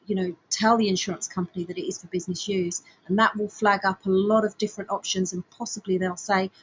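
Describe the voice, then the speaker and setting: Female panellist, slightly rough husky voice, informal advice, lo-fi sound. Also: medium pitch, flat delivery, quick pace. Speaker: discussion panellist giving advice.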